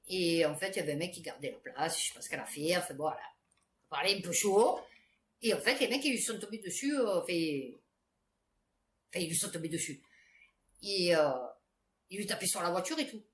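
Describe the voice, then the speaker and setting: Chatty woman vlogger with a lively voice. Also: on the low side. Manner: chatty, many fillers and restarts. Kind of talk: casual rambling storytelling to camera. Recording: echoey room with faint background noise.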